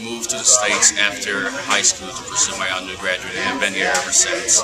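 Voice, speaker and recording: A man's voice: low voice, completely flat delivery, fairly quick. A man giving an informal testimonial about himself. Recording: loud music over voice. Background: loud music.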